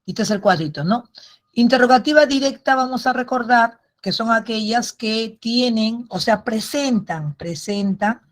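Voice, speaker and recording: A woman's voice: fairly high pitch, a little slow. A woman teacher giving an online grammar lesson, patient and explanatory, repeating key points and checking in with short tag questions.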